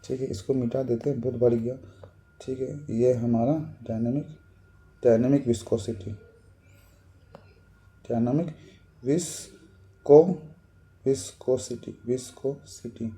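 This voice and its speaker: Dark-voiced man teaching. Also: mid-range voice, little pitch movement, measured pace, long pauses. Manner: repetitive, says "thik hai" constantly, repeats terms. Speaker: technical instructor. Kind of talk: casual whiteboard lesson.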